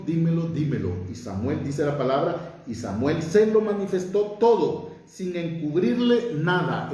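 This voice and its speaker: A man's voice: medium pitch, warm tone. A man preaching a sermon, fervent and emphatic, his voice rising on key words. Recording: very echoey room, from far off.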